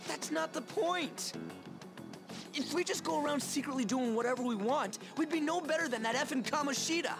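A man's voice: very high-pitched, normal speed, music in the background. A man voicing a hot-headed, blunt teenage boy in a video game. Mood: agitated. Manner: blunt, rough-spoken.

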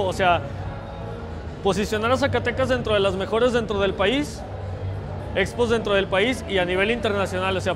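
A young man, an event organizer speaking in a news interview in an indoor convention hall, relaxed and listing things at an easy pace. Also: high-pitched. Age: young adult. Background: background music.

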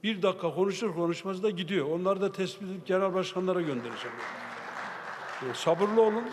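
Man presiding over parliament, stern, calls for order; slightly high voice, long hall reverb. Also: fast, crowd noise, background noise. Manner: admonishing, often raises voice. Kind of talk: chairing a parliamentary session. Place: parliament general assembly hall. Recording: long reverb of a large chamber.

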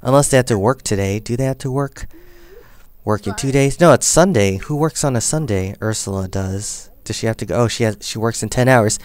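Thinking aloud as he plays, the young host of a gaming channel counts, weighs options and makes choices in his life-simulation game. It's a casual, chatty let's-play. His mid-range voice is brisk and a little mellow.

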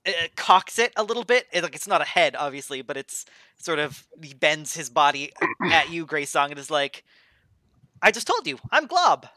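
A man's voice: a little high, normal speed, sharp tone, dry recording. A man narrating as game master of a tabletop game, hesitant and full of ums.

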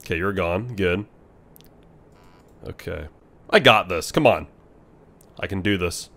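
A man's voice: low-pitched, measured pace, gravelly. A young man hosting a horror game let's play, talking nervously to the game characters as he plays. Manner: animated, talks to the game characters, nervous muttering. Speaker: gaming channel host.

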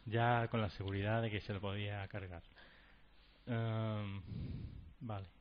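A man's voice: fairly low pitch, level tone, measured pace. Hesitant Spanish man reading the chat. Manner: hesitant, unprepared, many fillers. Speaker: podcast co-host reading the chat. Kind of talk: casual chat, reading out listener messages. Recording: dull lo-fi podcast audio.

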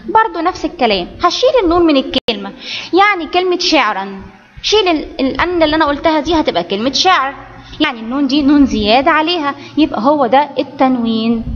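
Animated and fast-talking, a high-pitched woman with an Egyptian accent teaches Arabic grammar to children in an online lesson. As a primary school teacher, she explains each step and keeps checking that the class follows along. The audio is dull, and she sounds like she is in a large hall.

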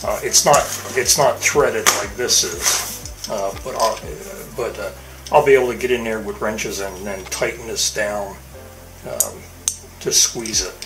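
In a casual how-to vlog from his indoor home workshop garage, a middle-aged boat owner slowly walks through his boat maintenance projects. His voice is on the low side, heard over music in a rough recording, and he rambles in a relaxed way with plenty of fillers and restarts.

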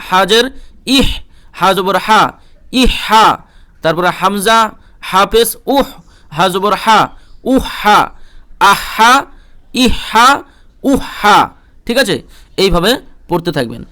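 A man teaches a slow recitation lesson, spelling out each syllable and then repeating the set. His voice sits high and sounds bright and clear. He works through the drills at an unhurried pace, one item after another. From India. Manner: patient, drills syllables aloud and repeats them. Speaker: Quran reading teacher.

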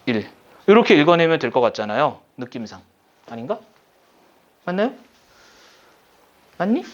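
A male teacher giving a recorded lesson, talking the class through a problem step by step and checking in with many quick questions. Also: medium pitch, dull audio. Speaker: high school Korean teacher.

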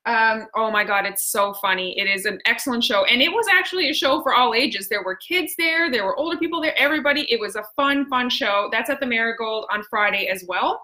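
A woman's voice: a little high, expressive, brisk, few pauses, pushed and bright. A woman with a Newfoundland accent hosting a casual live stream, chatty and exclamatory, with plenty of slang. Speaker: host.

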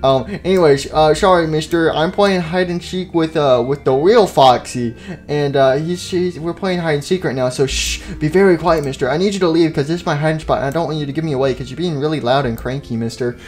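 A man's voice: on the high side, fairly quick, darkish tone, natural voice. A man voicing a cheeky little animatronic boy, childish and bluntly dismissive, in an amateur cartoon skit. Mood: innocent, dismissive.

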